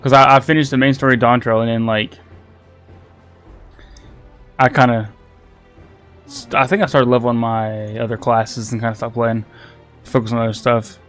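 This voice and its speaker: A man's voice: medium pitch, steady tone, normal speed, long pauses, fairly bright tone, soft background music. Rambling male game streamer. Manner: rambling, with frequent restarts and repeated words. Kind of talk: casual livestream gaming chat.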